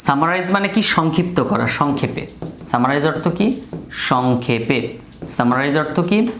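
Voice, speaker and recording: A man's voice: on the high side, animated, moderate pace, fairly bright tone. A male English teacher leads a call-and-response vocabulary drill, saying each meaning over and over. His voice carries in an echoey room. A faint hum sits underneath.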